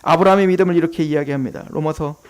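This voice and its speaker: A male pastor preaching a sermon, animated, firing rhetorical questions and acting out the voices he quotes. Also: on the high side, very fast, clear, resonant tone.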